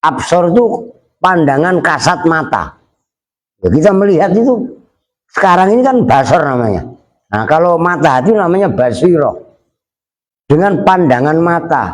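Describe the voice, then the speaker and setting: Kyai teaching a kitab. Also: male voice, on the high side, sing-song, normal speed, long pauses. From Indonesia. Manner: teasing, joking with students between translations. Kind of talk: kitab study lesson, translating Arabic line by line.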